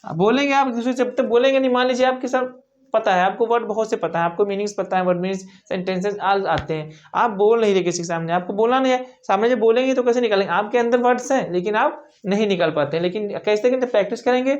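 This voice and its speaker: Woman teacher, patient drilling voice, mid-pitched, slightly dull lo-fi recording. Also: a little mellow. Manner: repeats each phrase slowly, asks "what will you say?"; encouraging, tells learners not to feel shy. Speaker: English teacher. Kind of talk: spoken English lesson.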